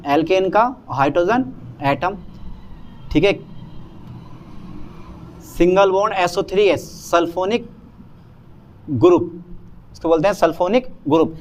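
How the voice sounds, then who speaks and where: A man lectures on chemistry with a high, bright-pitched voice. He drills each term over and over and answers his own questions like a call and response. His tone is that of a patient classroom teacher. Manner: calls students "beta" and "bhaiya".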